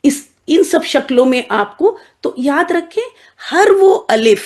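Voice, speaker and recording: Woman, high-pitched, teacher, patient classroom explanation, playful examples. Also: darkish tone. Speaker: Quranic Arabic teacher. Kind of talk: classroom lesson.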